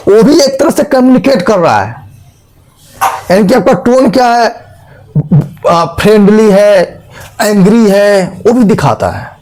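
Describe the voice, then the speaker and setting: A man's voice: very high-pitched, a little mellow. A man explaining a lesson step by step, asking rhetorical questions and demonstrating tones and expressions as he teaches.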